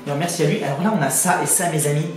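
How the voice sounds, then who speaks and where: A man talks rapidly and eagerly into a headset, calling his viewers his friends as he unboxes things. His voice comes across distant in a very echoey room, with music playing underneath. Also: on the high side. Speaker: YouTuber. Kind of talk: casual unboxing chat. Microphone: borrowed headset.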